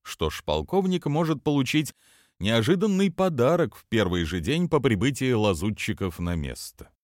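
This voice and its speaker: A man narrating an audiobook in an expressive storytelling reading. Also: medium pitch, normal speed, no echo, studio quality.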